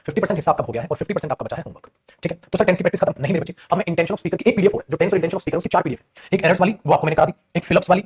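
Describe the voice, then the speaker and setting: In an online exam-prep lesson, a man explains English grammar in Hindi, reads English example sentences aloud, quizzes his students and calls them "beta." His voice is fairly high-pitched with a breathy edge.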